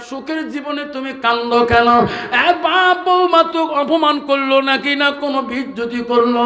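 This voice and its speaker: A man's voice: extremely high pitch, bright, forceful tone. A male preacher with an Assam Bengali accent voicing an old mother who soothes and pleads with her son. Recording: echoey hall with long reverb.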